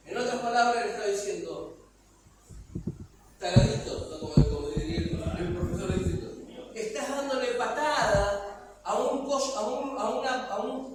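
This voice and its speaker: Rioplatense male pastor, sermon in a church hall, echo and audible noise. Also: very high-pitched. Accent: Rioplatense Spanish. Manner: preaching with rhetorical questions and voiced quotes. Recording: echoey hall, far from the mic, noisy.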